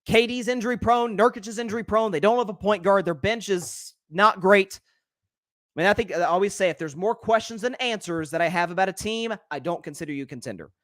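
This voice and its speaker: This young sports talk host works solo, talking at speed with plenty of animation, reading viewer comments and repeating words as his point builds. His voice is high-pitched and fairly bright, recorded at studio quality with no echo.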